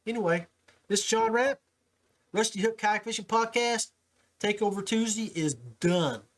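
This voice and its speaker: This American podcast host talks casually and folksily during conversation and interviews. He speaks at a normal speed in a high-pitched voice.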